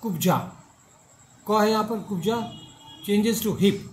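A man's voice: sits high, takes it slowly, a little hiss or hum. A middle-aged male professor lecturing a class, repeating each point and checking that students follow. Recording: echoey classroom with faint ambience.

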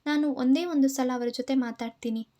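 A woman's voice: high voice, steady tone, moderate pace, warm tone, lightly acted. A woman voicing a caring young woman who comforts an older friend in an earnest, reassuring way.

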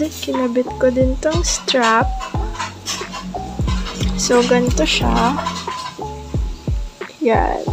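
A young Filipino woman with a Filipino accent narrating her vlog in a relaxed, casual voice-over with many fillers. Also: high-pitched. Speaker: vlogger.

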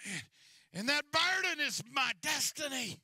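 A man's voice: very high-pitched, sing-song, normal speed, vocal fry, bright, forceful tone, no room sound. A middle-aged man preaching a sermon as senior pastor on a large church stage, with a handheld mic and a repetitive, rising and falling cadence.

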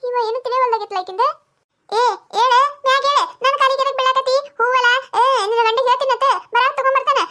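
A woman with a North Karnataka accent voices a village mother-in-law in a cartoon comedy, grumbling, nagging, and talking to herself. Her voice is extremely high, bright, and forceful, brisk in pace with fairly even intonation.

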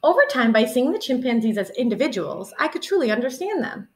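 In a small room at home, a young woman in her twenties who teaches reads a children's picture book expressively into her webcam. Her voice is a little high and quick, with slight background noise behind it.

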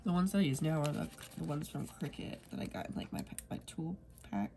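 With slight noise in the background, a young woman fills in her planner and chats in a casual plan-with-me style as a planner vlogger. Her low-pitched voice is fast and very animated. She has a cold, so she's sniffly, and she rambles softly, sometimes lowering to a whisper while she works.

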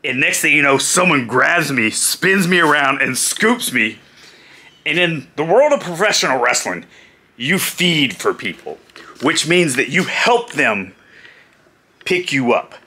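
A man's voice: on the high side, unhurried. A middle-aged man, a former pro wrestler, animatedly telling a road story with laughs. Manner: animated, laughing, acting out voices. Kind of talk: storytelling vlog.

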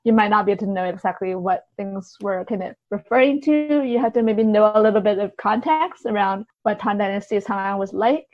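A woman at medium pitch talks a little fast with hardly any pauses, explaining things as a literary translator being interviewed. Her manner is conversational and hedging, full of softeners, and the recording is dull and lo-fi.

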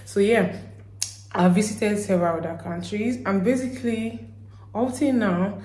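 A woman's voice: mid-range voice, a little slow, darkish tone. A woman from Nigeria with a Nigerian accent tinged with Ghanaian, chatting casually and rambling in a reflective vlog. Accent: Nigerian, with some Ghanaian. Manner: chatty and rambling, with frequent fillers and laughs. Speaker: vlogger. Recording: echoey room.

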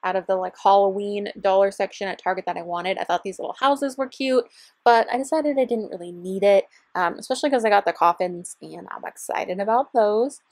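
A young woman vlogger with a bubbly, chatty delivery, gushing over cute little finds. Her voice sits at an ordinary middle pitch and comes across close and dry, with no room sound around it. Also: brisk, a little mellow, no echo. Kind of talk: shopping vlog voiceover. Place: parked car.

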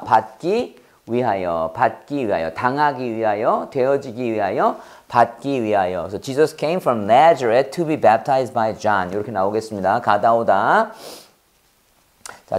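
An English grammar teacher in a recorded lecture, drilling learners with repeated questions and call-and-response, and reading example sentences slowly and deliberately. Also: mid-range voice.

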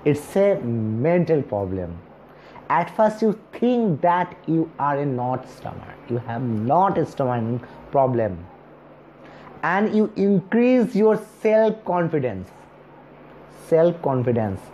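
A Bengali-speaking speech coach in his thirties talks slowly to camera from a chair in a small room, earnest and encouraging, gesturing with both hands and pausing long between words. His mellow, fairly high voice swings widely in pitch during this self-help talk. It's captured on a lapel mic, slightly dull with faint hiss.

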